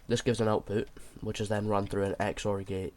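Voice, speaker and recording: A man explaining a game build for his video talks a little fast, with a lowish, slightly mellow voice and a flat delivery. He sounds unwell, and his informal tutorial is hesitant, as if he's working it out aloud. Keyboard and mouse clicks sit over clear background noise.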